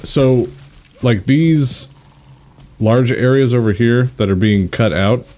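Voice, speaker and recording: A man's voice: mid-range voice, takes it slowly, warm tone. A man chatting casually with a co-host while streaming a game, joking and laughing often. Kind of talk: casual gaming stream chat.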